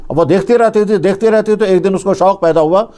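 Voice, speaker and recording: A man with a high-pitched voice delivers a storytelling sermon. He retells the story in an easy spoken way and restarts his sentences as he goes. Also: dark tone. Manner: retells a story, acting out its dialogue; speaks with conversational restarts. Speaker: preacher.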